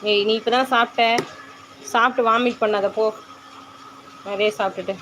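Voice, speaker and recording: A woman's voice: on the high side, steady tone, moderate pace, fairly bright tone, slight background noise, poor audio. A woman chatting casually to her cats and viewers, calling and coaxing them in a sing-song way. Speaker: pet channel host.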